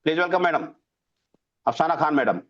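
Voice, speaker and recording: A man's voice: a little high, expressive, fairly quick. A man hosting an online webinar, introducing guests with effusive, ceremonial praise over a video call. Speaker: webinar host. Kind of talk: formal event hosting. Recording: muffled video call audio.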